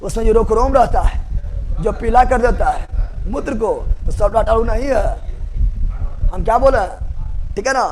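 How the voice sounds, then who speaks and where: A man's voice: very high-pitched, normal speed, pauses often, a little mellow, a little hiss or hum. A man teaching a chemistry class, repeating key words and asking students to answer back, with joking asides. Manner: repetitive call-and-response teaching, joking asides. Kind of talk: classroom lecture.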